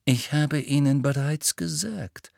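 A cold, sneering male teacher, voiced by a male reader, speaks in a smooth and sardonic drawl. Each word sounds indifferent and unhurried. The recording is close and dry. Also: fairly high pitch, a little mellow, no echo, pitched above the performer's own voice, full character voice.

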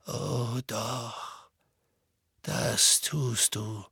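Old male wizard as a man reads him, calm, firm, slow, gravelly, storybook reading. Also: high-pitched, dry recording, clean studio sound, voice pushed up, full character voice. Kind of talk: audiobook reading.

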